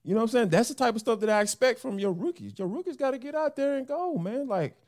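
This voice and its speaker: A man co-hosting a casual sports podcast, talking in an animated, slangy way and joking with his partner. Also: very high-pitched, fast talker. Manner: animated, slangy banter with laughs. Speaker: podcast co-host.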